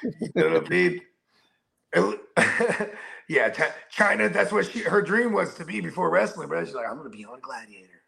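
A man in casual podcast chat, his voice bright and gravelly with fry. He talks in slangy, laughing stories. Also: sits high, moderate pace. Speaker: podcast co-host.

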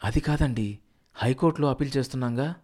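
A man's voice: mid-range voice, fast, mellow, natural voice. A man voicing an anxious middle-aged village wife who coaxes and snaps at her husband in a storybook reading. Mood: coaxing.

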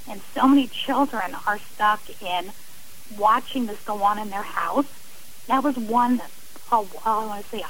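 Her medium-pitched voice is a bit bright, and the rough recording carries a little hiss or hum. This middle-aged author and abuse survivor appears as a radio interview guest, conversationally offering earnest, emphatic personal testimony.

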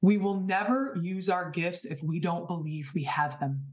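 A woman in her thirties hosts a podcast, delivering an earnest, emphatic inspirational spiritual monologue packed with rhetorical questions. Her voice is fairly low, and she speaks at a moderate pace.

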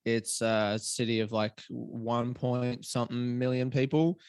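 A man's voice: medium pitch, little pitch movement, a little slow, darkish tone, smooth, no room sound, clean studio sound. A young Australian man, a comedian chatting as a podcast guest, laid-back and swearing casually.

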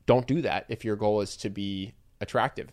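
A man's voice: on the low side, fairly even intonation, normal speed, darkish tone. Young man, podcast co-host, casual chat, emphatic, direct advice.

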